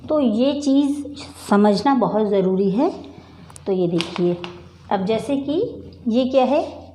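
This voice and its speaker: A middle-aged woman gives a slow board lesson to a primary school class, patiently repeating words and asking the children questions. Her voice sits on the high side, expressive and mellow at a slow pace, with slight background noise.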